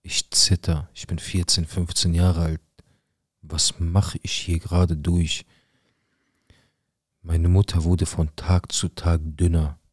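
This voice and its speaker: A man's voice: sits low, flat delivery, slow pace, pauses often, husky, no room sound, clean studio sound. A young adult man telling his own painful life story in an intense, blunt, emotional way. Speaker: storyteller sharing a personal story. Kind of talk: personal storytelling.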